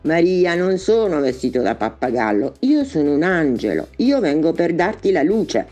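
A woman's voice: low voice, very animated, moderate pace, dark tone, faint music behind. Woman doing an exasperated male angel who keeps insisting. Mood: insistent. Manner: earnest, insistent. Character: the archangel Gabriel, flustered, persistent male angel.

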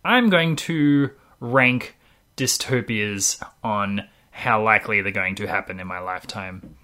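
Australian podcast host with a mid-pitched voice. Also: unhurried, pushed and bright. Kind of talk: casual co-hosted chat.

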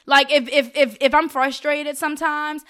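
A woman co-hosting a casual podcast chat, relaxed and reflective. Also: high-pitched, moderate pace. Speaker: podcast co-host.

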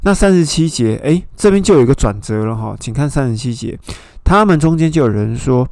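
Gravelly man teaching a Bible study. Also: medium pitch, animated, fairly quick, a little mellow, no room sound. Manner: explanatory, asks the listener rhetorical questions; retells scripture scenes in a storytelling way.

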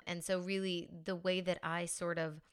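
Young American woman, podcast host, casual chatty monologue, low voice, smooth and clear. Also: flat delivery, normal speed. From United States. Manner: chatty, upbeat, many fillers like "like" and "you know". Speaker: podcast host and mindset coach.

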